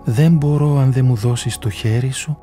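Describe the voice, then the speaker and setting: A man's voice: medium pitch, over music, pitched above the performer's own voice, close to an everyday voice. A man voicing an old monk who pleads with God in earnest repentance. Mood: sorrowful.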